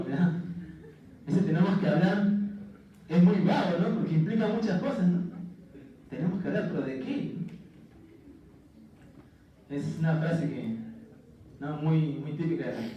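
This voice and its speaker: A man lecturing to a class, animated, making jokey asides and checking in with his students. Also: fairly high pitch, a little hiss or hum. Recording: distant, muffled, echoey classroom audio.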